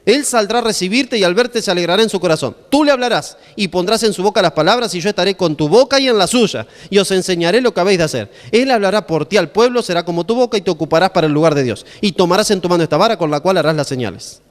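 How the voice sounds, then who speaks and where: A man with an Argentine Spanish accent voicing God in a sermon, calm and firm with a light touch of humor. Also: sits high, quick pace, hardly any pauses, long reverb tail. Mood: commanding. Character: God as a patient, firm male voice.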